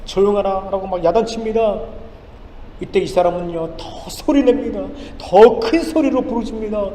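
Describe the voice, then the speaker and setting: A male pastor preaching a sermon, firing off rhetorical questions and swinging between loud and hushed lines. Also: high voice, moderate pace, slight background noise. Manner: emphatic, rhetorical questions, dramatic swings in loudness. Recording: echoey church hall with faint ambience.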